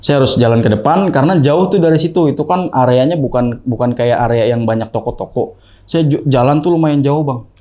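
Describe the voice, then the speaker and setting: A young man telling a ghost story in casual talk, acting out the quoted voices in a higher pitch. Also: fairly quick. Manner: animated, acts out the quoted voices with rising pitch. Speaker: guest storyteller.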